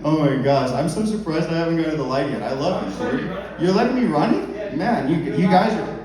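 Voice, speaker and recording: A man's voice: a little high, animated, a little fast. A man performing rambling, informal stand-up with crowd work, swearing freely and breaking into giggly laughter. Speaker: stand-up comedian. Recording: very echoey club, distant mic, audience noise.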